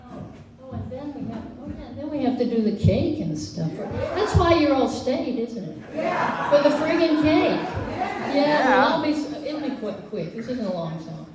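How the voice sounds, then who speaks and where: A woman's voice: high-pitched, animated, over a noisy crowd. A woman in her eighties from the American South, chatting on stage at a party in a folksy, joking way. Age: 80s. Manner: folksy, joking, slow-spoken. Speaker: birthday honoree and performer. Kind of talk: casual chat on stage. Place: event venue hall. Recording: echoey hall from far off, music.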